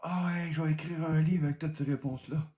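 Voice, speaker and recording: In an echoey room, a man with a Québécois French accent hosts a live-streamed game night. His mellow voice is on the high side, fairly even in intonation and a little fast, and he laughs often and exclaims while reading answers aloud repeatedly.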